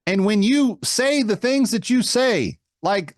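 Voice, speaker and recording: Male political host, slightly high voice, dry studio sound. Mocking, emphatic monologue delivery. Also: lively intonation, slow, no echo. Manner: mocking, emphatic, with repetition for effect. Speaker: political talk show host.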